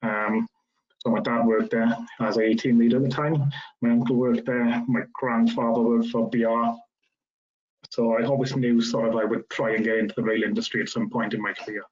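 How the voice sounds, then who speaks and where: Here a railway professional in his late thirties, speaking with a South Welsh accent, chats easily through a casual careers talk, dropping in frequent ums. He has a mid-range voice and a fairly level delivery, and the sound quality is dull and lo-fi, as though recorded on a video call.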